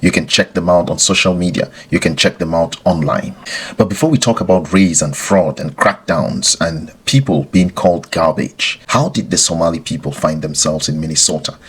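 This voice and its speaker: A man with a low, husky voice hosts a podcast and delivers scripted explanatory commentary deliberately. He uses rhetorical questions and repeats phrases for emphasis.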